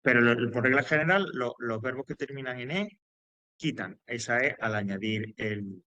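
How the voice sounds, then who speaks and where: Casting note: Spaniard, male teacher mid-lesson, mid-pitched voice, dry close sound. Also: moderate pace, bright, forceful tone, dry recording, highs cut off. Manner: explanatory, with frequent fillers, restarts and checks like "¿vale?". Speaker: English teacher. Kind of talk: classroom grammar lesson.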